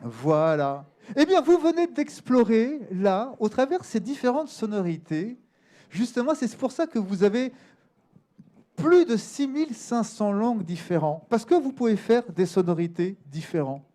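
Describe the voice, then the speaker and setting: A man's voice: high-pitched, big pitch swings, unhurried, mellow. A man coaching an audience on the voice, talking freely and animatedly and demonstrating vocal exercises for people in the room and on screen. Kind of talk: live workshop talk.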